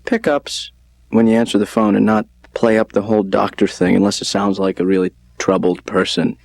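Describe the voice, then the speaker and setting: A man's voice: fairly low pitch, fairly even intonation, a little fast, gravelly, a little mellow, no echo. A man voicing a needy, wisecracking grown son in a cartoon, whiny and needling. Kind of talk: improvised cartoon banter.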